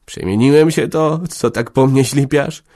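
A man's voice: medium pitch, unhurried, darkish tone, no echo, studio quality, voice pushed up, lightly acted. A man doing a hearty young peasant husband. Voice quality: somewhat raised, firm and hearty.

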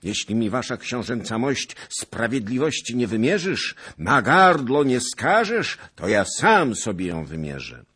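A man's voice: medium pitch, huge pitch swings, slow, a bit bright, husky, pitched above the performer's own voice, heavily acted. A man voicing a drunken, brawling old nobleman with a slurred, mocking, bellowing delivery in an audiobook. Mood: indignant pleading. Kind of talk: audiobook character voice.

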